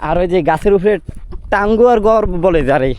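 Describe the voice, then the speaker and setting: Fast-talking young man with Barishal accent. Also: sits high, animated, a little mellow, slight background noise. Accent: Barishal Bengali. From Bangladesh. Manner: chatty, exclaims at the views. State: out of breath from climbing. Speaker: travel vlogger. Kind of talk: casual walking vlog. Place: hilly border area outdoors.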